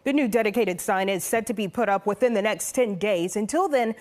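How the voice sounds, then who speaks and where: A woman's voice: medium pitch, brisk. A woman news reporter delivering a voice-over report.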